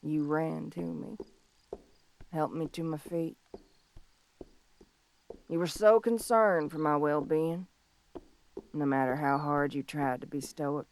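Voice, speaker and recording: A woman playing a young, tough but tender tomboy bounty hunter of the Old West in an audio role-play, speaking in a folksy, halting, heartfelt way. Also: sits low, fairly even intonation, no echo. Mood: wistful, tender. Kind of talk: scripted audio role-play monologue, intimate and slow.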